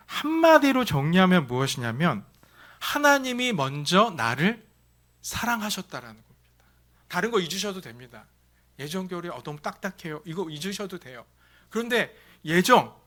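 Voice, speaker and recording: Guy pastor preaching, bright punchy voice, kinda high, goes loud then quiet. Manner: preaching with repeated stress and swings between loud and hushed delivery. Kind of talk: sermon.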